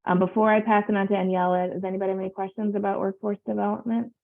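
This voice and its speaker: A woman's voice: mid-range voice, level tone, racing, gravelly. A woman chairing a public board meeting on a video call, running through the agenda with many fillers. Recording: tinny phone-like line.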